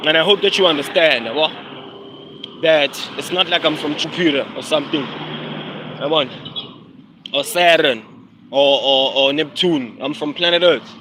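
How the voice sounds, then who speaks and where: A man's voice: on the high side, a little slow, pauses often, background noise. Slangy South African man streaming outdoors. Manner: rambling, slangy, apologetic about glitches. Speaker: rapper and vlogger. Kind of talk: casual live-stream chat. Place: outdoors on a neighborhood street. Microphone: phone.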